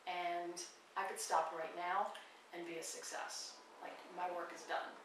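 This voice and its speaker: A woman's voice: fairly low pitch, little pitch movement, unhurried. A woman in her forties, a radio guest making an earnest, urgent appeal in a passionate way. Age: 40s. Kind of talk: impassioned awareness appeal. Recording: echoey room from far off, faint noise.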